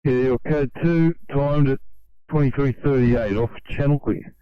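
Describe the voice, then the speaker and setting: A fire dispatcher answers crews over a walkie talkie, reading their messages back in a brisk, routine way. His voice is clear and dry. The radio sound is somewhat muffled and narrow. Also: mid-range voice, dry recording. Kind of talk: emergency radio traffic.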